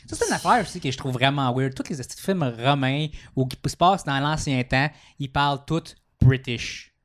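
A man with a Québécois accent chats in a relaxed way on a podcast. He mixes English words into his French. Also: medium pitch, normal speed. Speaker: podcast co-host. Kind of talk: casual chat.

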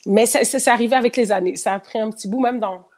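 A woman's voice: fairly high pitch, a little mellow. A woman rapper with a Québécois French accent, talking in a casual interview and often repeating words as she searches for them. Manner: halting, repeats words while thinking. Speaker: rapper, guest.

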